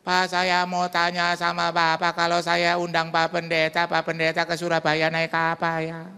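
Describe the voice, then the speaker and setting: Man putting on a persistent old widow, high and slow, pleading on and on, church echo. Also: completely flat delivery, bright, forceful tone, clean tone, soft background music. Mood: fretful. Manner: slow, drawn-out pleading speech. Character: elderly widow, about eighty, persistent and fussy.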